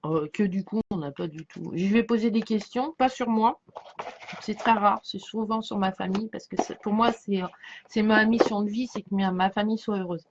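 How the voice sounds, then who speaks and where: A woman with a slight lisp chatting casually as a tarot reader, halting and circling back, often leaving thoughts unfinished. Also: mid-range voice, steady tone, slight background noise. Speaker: tarot card reader giving a reading to followers. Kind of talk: casual rambling chat over a tarot spread. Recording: dull lo-fi sound.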